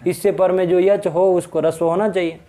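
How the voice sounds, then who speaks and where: High-voiced male grammar teacher quizzing students. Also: little pitch movement, brisk, mellow. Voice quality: questioning, prompting students with repeated checks. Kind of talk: classroom grammar lesson, question and answer.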